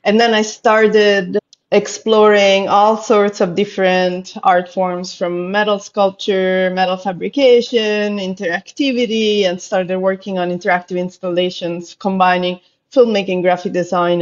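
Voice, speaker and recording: Here a woman from Italy, a potter, recounts her story during a casual interview chat, her Italian accent clear and her delivery flat and unhurried at a medium pitch. She comes across as thoughtful, occasionally hunting for the right word. The audio, from headphones on a video call in a bookshelf-lined indoor room, is slightly dull and lo-fi.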